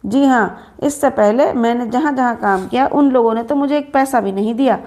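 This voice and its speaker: A woman voicing a timid poor young maidservant who speaks softly and hesitantly. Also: fairly high pitch, normal speed, lightly acted. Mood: meek.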